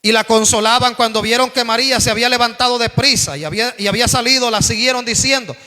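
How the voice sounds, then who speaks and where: A man preaching a fervent sermon, often calling his listeners brother and raising his voice near to a shout at times. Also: very high voice, quick pace. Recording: long reverb of a hall.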